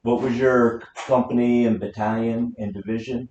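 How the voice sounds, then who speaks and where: A man's voice: medium pitch, steady tone, moderate pace, a little mellow. An American man interviewing someone, asking simple questions in turn. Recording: muffled, echoey room, faint noise.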